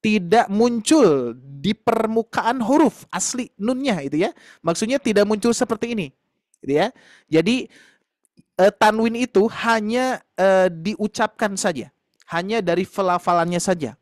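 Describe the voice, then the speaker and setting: High-voiced man teaching a class. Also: animated, no room sound, clean studio sound. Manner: explains slowly with many fillers, addresses students directly. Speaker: Quran recitation teacher. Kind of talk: online tahsin class lecture.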